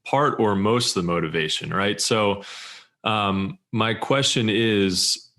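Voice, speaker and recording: A male podcast host with a very low voice, who asks his questions in a rambling, hesitant way and builds up to them with a lot of restarts. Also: slow, bright, forceful tone. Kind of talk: podcast interview.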